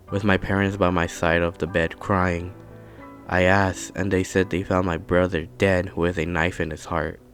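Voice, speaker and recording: A man narrating a scary story in a calm, measured storytelling manner. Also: deep voice. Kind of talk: scripted horror narration.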